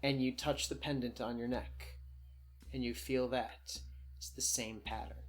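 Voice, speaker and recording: A man running a tabletop game, calmly describing the scene to the players. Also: medium pitch, a little slow. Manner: calm descriptive narration. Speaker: game master.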